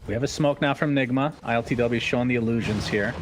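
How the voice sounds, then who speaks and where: A man commentating an esports match at an ordinary middle pitch. His voice leaps higher and louder as fights break out, then settles back into calm analysis. A steady noisy hiss sits behind him. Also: quick pace. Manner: rises sharply in pitch during fights.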